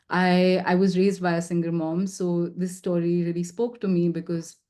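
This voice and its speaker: A young woman presenting her work at a seminar, talking fast with lots of fillers and restarts. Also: fairly low pitch, warm tone. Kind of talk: academic presentation.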